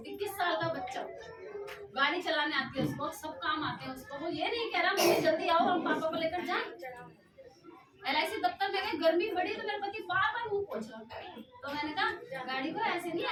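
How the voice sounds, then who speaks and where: A woman preaching a sermon and telling a personal testimony, animated and acting out the dialogue. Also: extremely high pitch, fairly quick, over a noisy crowd. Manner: animated, storytelling, acts out dialogue. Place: church. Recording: echoey church room, mic far off, noisy.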